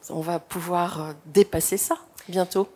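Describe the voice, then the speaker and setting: A woman's voice: lowish voice, fairly even intonation, unhurried, mellow. A woman moderating a panel discussion, chatty and asking the guests questions. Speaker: moderator, podcast host.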